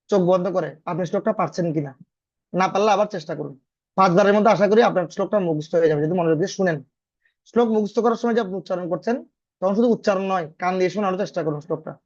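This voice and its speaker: A man teaching a scripture class over a video call, explaining step by step with frequent check-in questions and chanting verses slowly in a singsong tone. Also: sits high, a little mellow, no room sound, muffled recording. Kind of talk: online scripture lesson.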